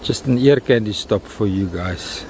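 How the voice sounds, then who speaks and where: A man's voice: fairly low pitch, measured pace, a little mellow. A South African man narrating a casual vlog outdoors, speaking informally to viewers and repeating phrases for emphasis, with wind noise on the recording. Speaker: vlogger filming a morning beach walk. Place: outdoors on a windy beach. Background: wind and outdoor ambience.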